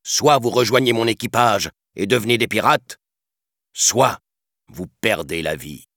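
A man's voice: fairly low pitch, moderate pace, husky, no echo, clean studio sound, pitched above the performer's own voice. A man voicing a sly, vengeful pirate captain in a storybook reading, honeyed and scheming, then gloating.

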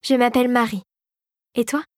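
A woman doing a kind, gentle young girl. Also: on the high side, steady tone, normal speed, no echo, studio quality, natural voice. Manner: gentle, reassuring. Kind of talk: storybook reading.

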